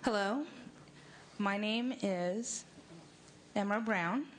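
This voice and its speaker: A woman testifying at a public hearing, speaking slowly in a halting, deliberate way. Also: medium pitch. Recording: busy crowd noise around the mic.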